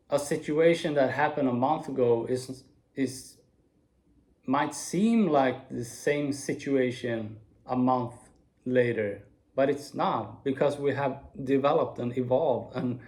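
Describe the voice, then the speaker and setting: Slow, earnest man in his forties. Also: medium pitch. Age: 40s. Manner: slow, earnest, with soft laughs. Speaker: video speaker. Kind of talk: reflective spoken monologue.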